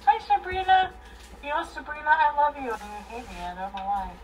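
A woman's voice: high-pitched, brisk, distant mic, a little hiss or hum, poor audio. A drunk woman in her thirties rambling and swearing casually to livestream viewers, emotional and volatile, recorded in a bedroom. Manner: emotional, swinging between crying, laughing and shouting. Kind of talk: casual live chat, rambling and profane. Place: small bedroom, indoors.

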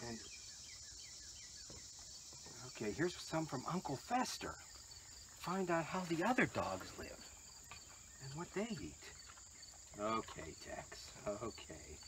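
A man's voice: fairly high pitch, noisy background. An older man who vlogs about pottery, chatting casually as he serves treats to his dogs. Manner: chatty, talks sweetly to dogs, slow and lively. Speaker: potter and vlogger.

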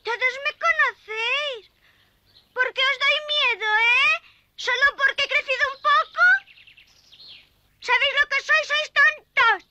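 A woman's voice: extremely high pitch, steady tone, a little slow, pauses often, very noisy. A woman voicing Maya, an eager young girl honeybee in a children's cartoon, childlike and exclamatory, with a European Spanish accent. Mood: indignant. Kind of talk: dubbed children's cartoon acting. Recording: loud music behind the voice.

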